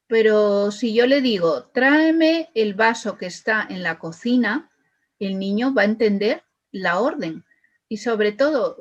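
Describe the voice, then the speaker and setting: A woman's voice: medium pitch, dull audio. A woman speech therapist, explaining her methods with worked examples and frequent fillers. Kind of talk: explaining to an interviewer.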